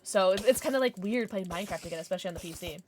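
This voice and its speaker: A young adult woman chatting casually on a gaming livestream in a cute, bubbly, animated, exclamatory manner with playful slang. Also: mid-range voice, very fast. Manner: animated, exclamatory, swinging from murmurs to squeals. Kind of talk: casual livestream chat over gameplay.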